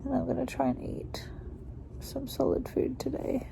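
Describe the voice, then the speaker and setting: A woman's voice: sits high, monotone, moderate pace, creaky, in a whisper, rough recording. A young woman vlogging casually about her recovery, sounding sleepy and stuffy-nosed, rambling with lots of "like" and "um". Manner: chatty, rambling, frequent "like" and "um". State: stuffy, congested nose after surgery.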